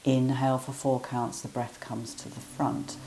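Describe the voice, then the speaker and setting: A woman teaching guided breathing exercises in a gentle, encouraging, step-by-step way. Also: extremely low pitch, little pitch movement, unhurried, poor audio.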